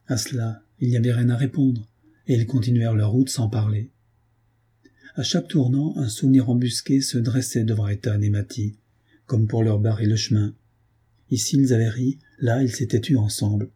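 Give me a male audiobook narrator with a very dark, breathy, husky voice and calm pacing. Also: medium pitch, normal speed.

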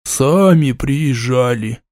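Guy doing a sleepy tipsy old village elder mumbling into his mug, slow and quiet. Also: medium pitch, animated. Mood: sleepy mumble. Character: drunk, drowsy old male village elder. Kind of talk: audiobook narration.

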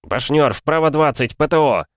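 A man's voice: mid-range voice, animated, fairly quick, no echo, clean studio sound, voice pushed up, lightly acted. A man voicing a blunt male tank commander who barks orders in battle. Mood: commanding. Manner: barked orders, blunt and cold.

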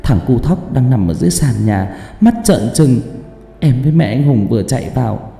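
A man's voice: mid-range voice, expressive, normal speed, vocal fry, dark tone. A man voicing a frightened young woman in a horror story, her telling pleading and breathless. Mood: panicked. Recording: echoey hall, long reverb, faint music.

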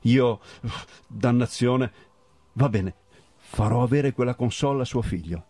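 A man's voice: mid-range voice, measured pace, dark tone, dry recording, lightly acted. A man doing an indignant blustering Santa Claus. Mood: exasperated. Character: furious proud old Santa Claus.

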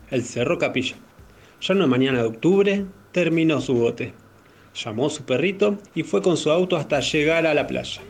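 A man with an Argentine accent reading a child's legend aloud, carefully and in measured phrases. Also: on the high side, husky. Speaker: parent reading a child's story.

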